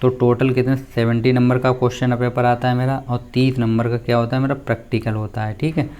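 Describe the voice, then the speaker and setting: A man's voice: medium pitch, level tone, a little fast, darkish tone, clean tone. A man, a teacher explaining a school syllabus to students and often checking in with them as he goes. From India. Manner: plain explaining tone with frequent check-ins.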